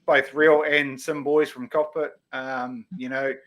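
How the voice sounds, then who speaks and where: A man with a broad Kiwi accent chats as a show guest. His pitch is average for a man. He speaks casually and haltingly, with plenty of "you know". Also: flat delivery, fairly bright tone. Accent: broad New Zealand. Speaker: online speedway series guest. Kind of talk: casual live-stream chat.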